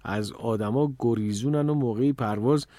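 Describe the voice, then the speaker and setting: Brief: weary, sighing dad, bird lover, mid-pitched, put on by a male reader, close dry sound. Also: mellow, no echo, natural voice. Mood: eager. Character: weary middle-aged father, bird lover.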